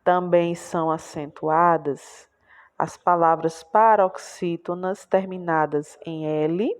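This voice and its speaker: A Brazilian woman teacher explaining a lesson patiently, repeating words aloud and checking in with tag questions. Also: on the low side. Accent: Brazilian Portuguese. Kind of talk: classroom lesson walkthrough.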